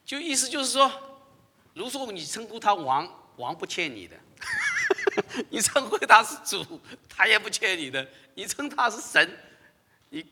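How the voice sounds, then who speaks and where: Male pastor chatting with his church, bright ringing voice, long hall echo. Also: high-pitched, a little slow, husky. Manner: animated, laughs often, asks the audience questions. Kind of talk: interactive sermon with congregation.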